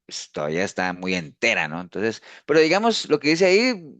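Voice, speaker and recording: In a low-leaning voice with huge pitch swings, a slightly bright tone and a somewhat fast pace, a pastor delivers an informal discipleship teaching with no echo. He talks conversationally, restarting often and tacking a questioning "¿no?" onto many sentences.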